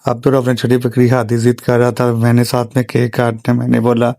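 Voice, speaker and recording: A man's voice: mid-range voice, monotone, a little fast, a little mellow, no room sound. A man narrating a family vlog as a father, plainly recounting the day's events step by step. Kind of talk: voice-over storytelling.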